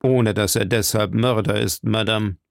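A man reading aloud and voicing a grim executioner who speaks slowly and gravely. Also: fairly low pitch, steady tone, dry recording, clean studio sound. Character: grim male executioner, dutiful and implacable.

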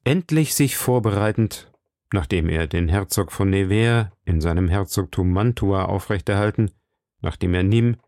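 A man reading a classic novel aloud as an audiobook narrator, in a measured, steady way. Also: sits low, no echo, studio quality. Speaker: audiobook reader. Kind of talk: scripted narration.

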